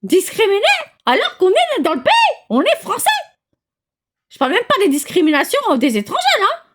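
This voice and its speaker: A woman vlogger at home chats casually and bluntly, sounding outspoken and exasperated. Her voice is very high with wildly swooping pitch, and she talks fairly quickly in an indignant tone.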